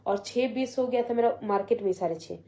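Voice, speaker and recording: Young woman softly retelling a loss. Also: fairly high pitch. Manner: soft, halting retelling with many quoted voices. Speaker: vlogger. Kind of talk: emotional personal storytelling.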